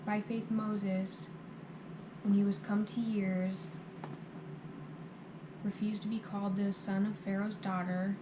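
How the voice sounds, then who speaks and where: A woman recites scripture by rote in a flat, narrow-ranged voice at a medium pitch. Her phrases come in short, halting pieces, as if recalled from memory. The recording has clear background noise. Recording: clearly noisy amateur recording.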